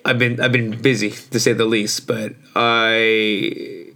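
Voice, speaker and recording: A man hosting a casual sports podcast in slangy, informal talk, his voice hoarse and worn out as if from yelling. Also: fairly low pitch, level tone, slow pace. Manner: informal, slangy, mildly profane. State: hoarse, voice shot from overuse. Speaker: podcast host.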